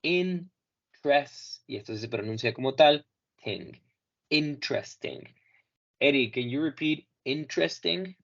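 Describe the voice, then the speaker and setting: A man's voice: mid-range voice, creaky. Patient male English teacher, lo-fi call. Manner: patient, explains slowly in Spanish, models English words carefully. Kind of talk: online class correcting pronunciation.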